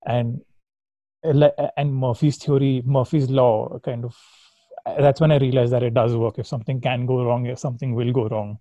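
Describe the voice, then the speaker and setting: Male interview guest, Indian accent, relaxed soft-edged tone, informal storyteller, very dry sound. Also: mid-range voice, moderate pace, no room sound. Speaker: guest, trekking company founder.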